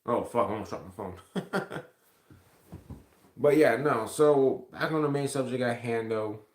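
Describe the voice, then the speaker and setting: Speaking at a measured pace in a mid-range voice, this Ontario man rambles through his livestream, cursing heavily while responding to comments. His recording has an echoey room quality.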